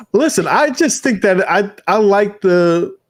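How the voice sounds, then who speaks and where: A man hosting a gaming podcast in casual chat, rambling and animated, with casual swearing. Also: sits high, takes it slowly. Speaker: podcast host.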